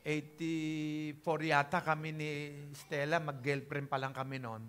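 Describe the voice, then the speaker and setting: Older Filipino man, church pastor. Chatty, informal preaching that keeps checking in with the room. Bright, high voice. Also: level tone, unhurried, clear, resonant tone. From Philippines. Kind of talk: conversational sermon.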